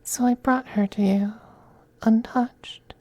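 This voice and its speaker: Soft, breathy, and frequently whispered, a man's take on a possessive, teasing femboy vampire in ASMR roleplay drips with coaxing, condescending tenderness. The high voice holds fairly even intonation and takes it slowly on a dry recording, conveying tender menace.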